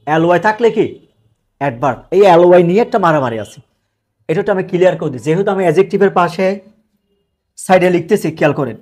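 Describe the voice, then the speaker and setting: Male grammar teacher, somewhat high voice, quizzes the class and answers himself. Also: a little mellow. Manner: asks questions and answers them himself. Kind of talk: live online class.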